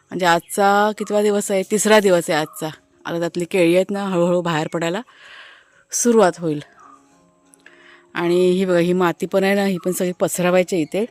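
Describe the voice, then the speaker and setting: A woman's voice: lowish voice, dry recording. A woman vlogging casually outdoors in her garden, chatting to viewers and explaining what she shows. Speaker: family vlogger. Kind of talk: casual vlog walkthrough talking to viewers.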